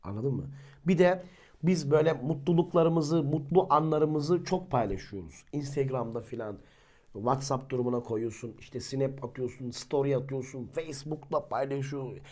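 A man's voice: medium pitch, normal speed. A man giving an informal religious talk, speaking colloquially, asking his listeners rhetorical questions and acting out the people he describes. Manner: lively, colloquial, acts out quoted people. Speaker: religious teacher.

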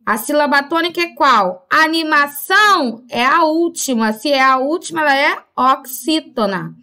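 A woman's voice: sits high, expressive, moderate pace, bright, forceful tone. A woman teaching a primary school class, explaining each point step by step and checking in often with her pupils. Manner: patient, explains step by step with frequent "tá?" and "né?" check-ins.

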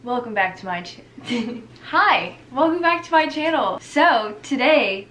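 A woman's voice: a little high, expressive, a little slow, over loud music. A giggly, playful young woman chatting casually in a vlog outdoors by a parking lot, filmed on a handheld camera. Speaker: vlogger. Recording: outdoor traffic noise.

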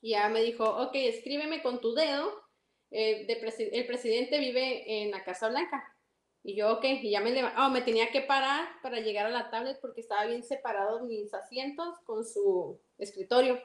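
A young woman with a Mexican accent, appearing as an interview guest, tells a casual story at a moderate pace, animatedly acting out each exchange and laughing often. Her high, bright voice rings in an echoey room.

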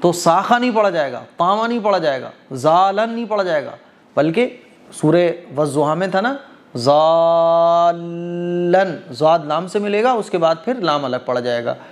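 Guy teaching quran reading, slightly high voice, walks through rules step by step then chants verses slow and stretched. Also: expressive. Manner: explains step by step, often checks understanding; chants verses slowly with drawn-out vowels. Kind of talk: tajweed lesson.

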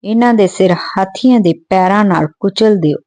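A woman reading aloud the orders of a cruel, vengeful male Mughal governor in a storybook, speaking loudly and commandingly. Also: medium pitch, moderate pace, natural voice.

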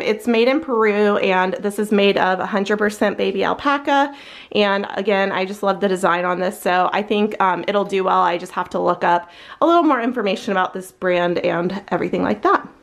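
A woman in her thirties chatting casually through a thrift haul vlog, upbeat, with frequent fillers. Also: medium pitch. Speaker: thrift reseller vlogger. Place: small home storage room with shelves.

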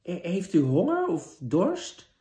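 A man voicing a kind, polite young princess with a raised, gentle voice, in an echoey room. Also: sits high, huge pitch swings, slow pace, voice pushed up, heavily acted. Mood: hospitable. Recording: roomy echo.

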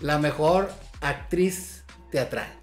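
A man's voice: fairly high pitch, slow. A man hosting a TV interview in casual chat, reacting with short interjections. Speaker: TV host. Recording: echoey studio with music behind.

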